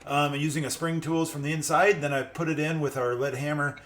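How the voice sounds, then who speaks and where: Brisk and a bit bright, this fairly high-pitched male voice shows little pitch movement as the channel host, a car hobbyist, explains a repair while he works. He hesitates now and then, thinking aloud, and his voice wanders off mic in a noisy room.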